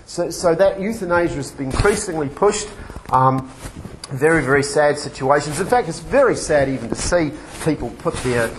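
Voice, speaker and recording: A man with a slightly high voice gives a sermon that works like a lecture. He talks in a halting, discursive way, restarting and correcting himself as he explains. The recording has some noise and small clicks behind him. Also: expressive. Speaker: preacher giving a teaching. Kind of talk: sermon-like lecture with quotations read out. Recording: clearly noisy recording with clicks.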